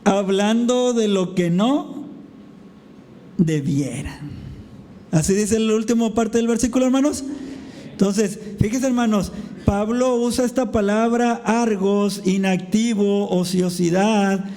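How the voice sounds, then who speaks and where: A man's voice: high voice, slow, warm tone, slight background noise. A male pastor preaching a conversational sermon at a church service, telling a story and often calling the congregation brothers. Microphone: recorded preaching mic.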